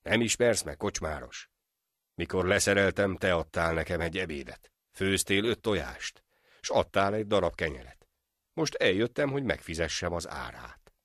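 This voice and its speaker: A man voicing a poor, humble discharged soldier in an animated folk tale, speaking in an earnest, pleading way. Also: low-pitched, dry recording, clean studio sound.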